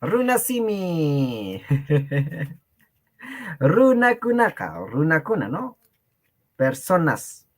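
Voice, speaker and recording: Peruvian-accented male language teacher, slow, animated, jokey, repeats himself. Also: on the high side. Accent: Peruvian Spanish. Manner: joking, laughs often, repeats phrases to students. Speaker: Quechua teacher. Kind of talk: online language class.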